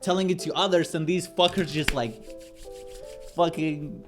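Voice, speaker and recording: A guest streamer on a relaxed voice call jokes around and swears while telling stories, lofi music running in the background. His voice is on the high side, slightly slow, with fairly even intonation.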